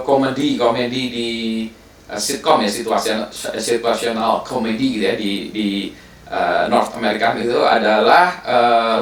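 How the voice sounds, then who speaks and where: A man in his fifties from Indonesia, talking casually and at length, pausing often with fillers and restarting his words. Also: mid-range voice. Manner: relaxed and rambling, with many fillers and restarts. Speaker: host. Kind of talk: casual monologue. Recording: roomy sound from a distant mic with faint background noise.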